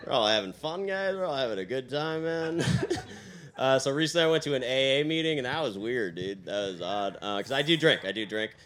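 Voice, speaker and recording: A young man doing a deadpan stand-up set on a stage mic, padding his lines with fillers and "all right?". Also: medium pitch, a little fast, background noise. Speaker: stand-up comedian.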